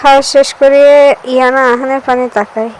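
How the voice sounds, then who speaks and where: A woman reads a romance novel aloud in a high voice that barely moves in pitch. Her delivery is steady and even, the pace of a practiced audiobook reader. A faint background hiss can be heard. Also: moderate pace, poor audio. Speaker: audiobook narrator.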